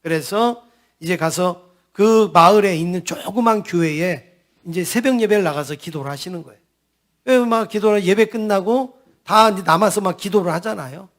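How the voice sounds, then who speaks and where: A man's voice: sits high, normal speed, a bit bright. A man preaching a New Year sermon as senior pastor. He tells a story, keeps turning to the congregation, and asks questions that he answers himself. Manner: storytelling, often turns to the congregation with "yes" and "everyone".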